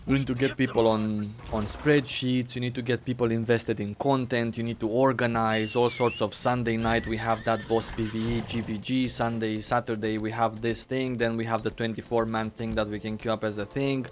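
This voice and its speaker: A man's voice: mid-range voice, little pitch movement, moderate pace, few pauses, slight background noise. A man live-streaming a video game, chatting casually and rambling with many fillers and restarts while he eats. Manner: rambling, full of fillers and restarts, talking with his mouth full. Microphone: desk mic.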